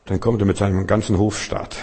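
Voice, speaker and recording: A man's voice: lowish voice, level tone, a little fast, a little mellow, husky. A man preaching a sermon in an emphatic, searching way. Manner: emphatic, acts out quoted voices. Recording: long hall reverb.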